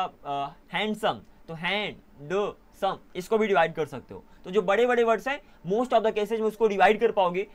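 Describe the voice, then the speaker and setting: A young man teaching an online English class in a casual way, often pausing to correct himself. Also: high voice. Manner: casual, self-correcting, mixes Hindi and English.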